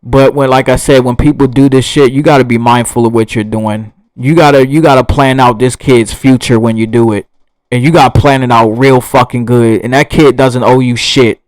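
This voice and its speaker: A man's voice: mid-range voice, fairly even intonation, normal speed, a little mellow, no echo, low-quality recording. A young man with a Southern US accent, talking bluntly and profanely to camera in a rambling monologue. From Southern United States. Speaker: vlogger.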